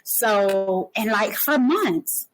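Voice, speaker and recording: A woman's voice: medium pitch, lively intonation, very slow, a little hiss or hum, poor audio. A woman podcast host in casual panel chat, telling stories about raising her daughter with lots of "you know" and "like". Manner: conversational storytelling with frequent "you know" and "like".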